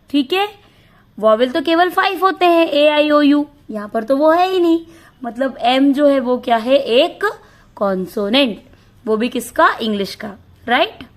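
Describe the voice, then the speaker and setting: A woman gives an English grammar lesson. Her voice sits high and she talks at a slow, deliberate pace. She repeats key words and reads English rules out word by word. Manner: asks questions and answers them herself, repeats key words.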